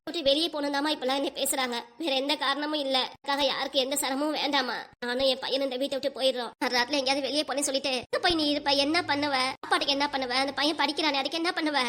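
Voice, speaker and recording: A woman playing an aggrieved young cartoon mother who complains that no one understands her. She speaks in a high, bright voice at a fast pace. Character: hurt young mother leaving home with her son. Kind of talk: cartoon voice acting.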